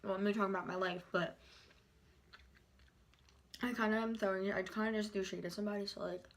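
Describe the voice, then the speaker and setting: A young woman chats casually and haltingly to the camera in a rambling, informal way, chewing as she talks. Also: mid-range voice, fairly even intonation. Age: young adult. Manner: chewing while talking. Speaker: YouTuber vlogger. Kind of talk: casual chat to camera during a mukbang.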